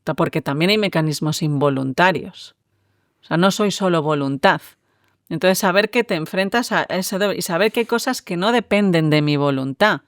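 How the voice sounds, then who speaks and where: A woman's voice: fairly low pitch, expressive, moderate pace, no echo. Woman, reflective guest on an interview show, dry close sound, musing and explaining. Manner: reflective, explanatory, frequent tag questions. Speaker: neuroscientist guest. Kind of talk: conversational interview.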